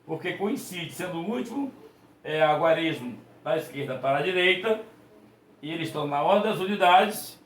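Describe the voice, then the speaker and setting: A man with a fairly high voice teaches a math class, patient and repetitive, often asking questions he then answers himself. He restarts his sentences to correct himself. The recording has a noticeable room echo. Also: animated, moderate pace, a bit bright, a little hiss or hum. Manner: patient, repeats points and asks rhetorical questions. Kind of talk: explaining a lesson to students. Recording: echoey room.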